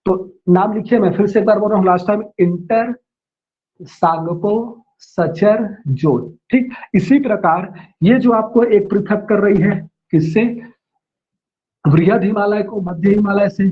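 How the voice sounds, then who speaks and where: High-voiced man teaching, dull lo-fi sound. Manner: repeats terms slowly, spells them out; checks in with "है ना" and "ठीक है". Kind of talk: classroom lecture.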